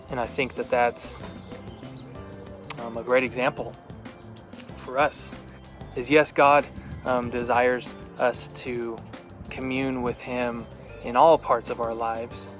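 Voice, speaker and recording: A man's voice: mid-range voice, level tone, takes it slowly, long pauses, a bit bright, faint music behind. A man speaking in a plain, conversational and reflective way as he hosts a casual Bible devotional vlog outdoors. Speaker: host of a Bible devotional video. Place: outdoors in a backyard.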